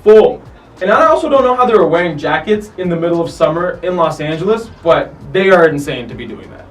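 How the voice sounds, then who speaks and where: Brief: male host, high-pitched and animated, off-mic slightly, music bed behind, casual soccer commentary. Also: fairly quick, far from the mic, a little hiss or hum, low-quality recording. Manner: animated, profane, acts out players' lines. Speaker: host of a soccer countdown show. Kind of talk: casual commentary over match footage.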